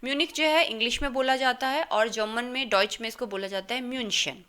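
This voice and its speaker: A woman with an Indian accent teaching German in Hindi, her voice sitting a little high and sounding clear and bright. She explains patiently, keeps asking "okay?", and spells words out letter by letter. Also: fairly quick. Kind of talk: explaining a lesson in Hindi and English.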